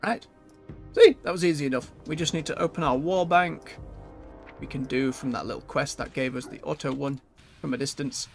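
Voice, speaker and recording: A man's voice: on the high side, normal speed, gravelly, soft background music. Chatty man commentating on a game. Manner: chatty, muttering to himself. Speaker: video game streamer. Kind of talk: casual gameplay commentary.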